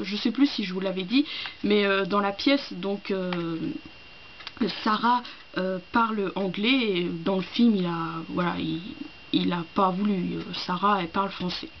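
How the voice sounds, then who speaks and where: A woman chats casually to her viewers, hesitating often and restarting her sentences. Her pitch is middling. The recording is slightly dull, with faint background noise. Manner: hesitant, full of fillers and restarts. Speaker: book vlogger. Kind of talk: casual chat to camera.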